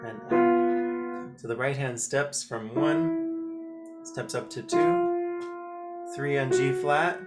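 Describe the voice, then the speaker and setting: With piano notes in the background, a man with a mid-range voice teaches piano one step at a time. He's a video-lesson host, slow and deliberate, calling out notes and fingerings in brief phrases.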